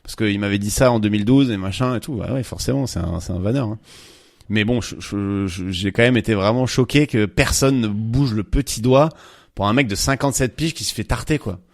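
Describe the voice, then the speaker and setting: A man with a low-pitched voice co-hosts a relaxed chat podcast. He rambles, hesitates and restarts his sentences, with fillers everywhere. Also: a little fast, creaky. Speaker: podcast co-host. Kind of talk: casual chat.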